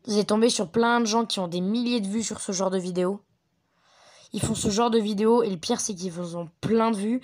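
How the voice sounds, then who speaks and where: A woman giving rambling, chatty commentary on a mobile game from her bedroom at home. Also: medium pitch. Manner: chatty, rambling, quick to get excited. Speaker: gameplay commentator. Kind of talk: casual gaming commentary.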